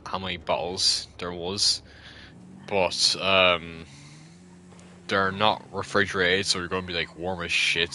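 A man's voice: low-pitched, sharp tone. A drunk man chatting casually as he streams a video game, rambling in a crude, sweary way. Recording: background noise with game ambience.

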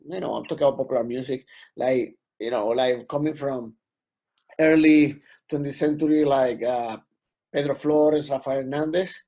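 Middle-aged Puerto Rican-accented man, mellow, husky, rambling with fillers, video call. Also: mid-range voice. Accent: Puerto Rican Spanish-accented English. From Puerto Rico. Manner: rambling, many "you know" fillers. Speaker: guest musician.

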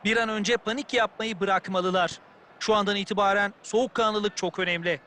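A high-pitched man analyses a football match as co-commentator. His remarks come over faint background noise, in the style of sports game commentary. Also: fairly even intonation, normal speed, bright, forceful tone.

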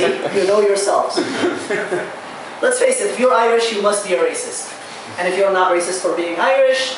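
Young man doing stand-up in echoey bar. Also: high-pitched. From Saudi Arabia. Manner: halting delivery with restarts and drawn-out pauses. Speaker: stand-up comedian. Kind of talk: open-mic stand-up set. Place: small indoor bar. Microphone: handheld mic, recorded by far camera. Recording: echoey bar from far camera with noise.

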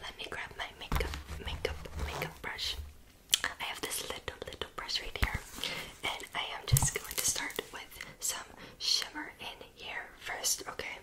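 Fast whispering young woman, chaotic mean-girl ASMR. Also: rough recording. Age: young adult. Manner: fast, chaotic, repeats words in rapid strings. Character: sassy, condescending mean girl doing a friend's makeup. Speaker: ASMR performer. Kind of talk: whispered role-play. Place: small room indoors.

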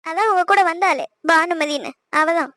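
A woman's voice: very high-pitched, moderate pace, sharp tone, dry recording. A woman voicing a heartbroken young woman in a cartoon, pleading and wounded. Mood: bitter accusing. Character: heartbroken young woman in love, tearful, desperate.

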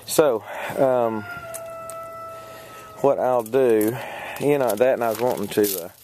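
Slow-talking man rambling through his garden. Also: mid-range voice, dark tone, slight background noise. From Texas. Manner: rambling, hesitant, many fillers, chuckles often. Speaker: vlogger. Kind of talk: casual garden walkthrough. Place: outdoors in a garden. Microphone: handheld camera.

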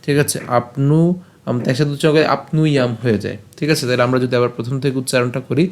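A man with a Bengali accent leads a recitation lesson at a patient, deliberate pace. He splits each word into its sounds and poses little questions before answering them himself. His voice sits at an ordinary middle pitch. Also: fairly even intonation. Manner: slow, syllable-by-syllable drilling, asking and answering his own questions. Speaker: teacher of scripture recitation. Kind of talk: pronunciation lesson with chanted verse.

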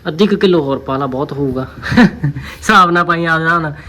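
A man with a high voice and a Punjabi accent chats casually for a vlog, in colloquial, bantering talk. Faint background noise sits behind him. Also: fairly quick, bright, forceful tone. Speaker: vlogger. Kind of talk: casual vlog chat with roommates.

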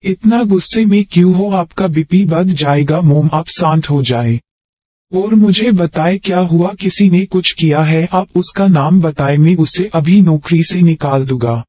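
Guy reading as a rich young son calming his mom, concerned, dry lo-fi audio. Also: fairly high pitch, measured pace, no echo. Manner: soothing, concerned. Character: young adult rich son, caring toward his mother. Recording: dry, dull lo-fi.

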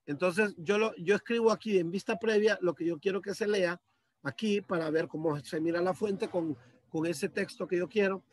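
A man's voice: high voice, steady tone, moderate pace, no echo. A male teacher walking students through a computer task step by step, patiently, on a video call. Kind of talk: screen-share computer lesson. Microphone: computer mic on a video call.

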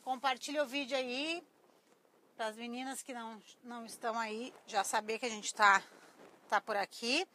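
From a small, messy craft workshop indoors, a middle-aged Brazilian woman leads a laid-back live tutorial at a moderate pace, chatting informally and regularly addressing viewers. A clip-on lapel mic picks up her thin, reedy, high voice with its sharp, slightly cracked edge.

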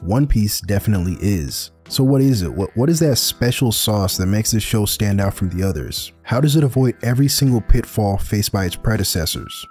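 A man's voice: on the low side, lively intonation, moderate pace, few pauses, a little mellow, soft background music. A young man narrating a scripted video essay in a dry, sarcastic way.

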